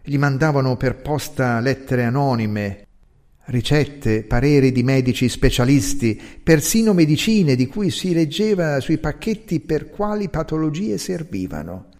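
A man narrating a literary story in a measured, expressive reading. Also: medium pitch. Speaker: audiobook narrator.

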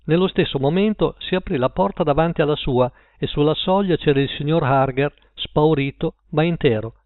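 A man narrating a story aloud in a measured storytelling manner. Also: fairly high pitch, no room sound. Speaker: audiobook narrator. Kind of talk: scripted narration. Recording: tinny phone-like line, dry.

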